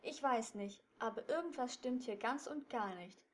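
A woman's voice: a little high, normal speed, slight background noise, natural voice. Justus, a woman doing a bossy boy detective. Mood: thoughtful. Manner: firm, explaining, slightly impatient.

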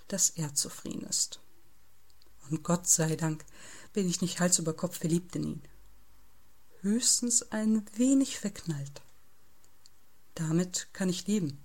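A woman narrating a novel in the first person, calm and wry in her delivery. Her voice sits on the low side and carries a gravelly fry. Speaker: audiobook narrator.

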